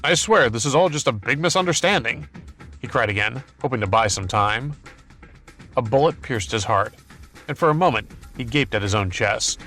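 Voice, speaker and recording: A man narrating an action novel as an audiobook in a steady, even storytelling voice. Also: fairly low pitch.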